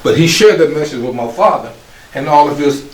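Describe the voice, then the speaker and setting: A man in his fifties from the United States, a guest speaker telling his life story in an animated way, laughing and acting out voices. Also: a little high, fairly quick. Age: 50s. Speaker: guest speaker, former pro football player. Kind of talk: personal life story told to an audience. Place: office room. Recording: echoey room, distant mic, faint ambience.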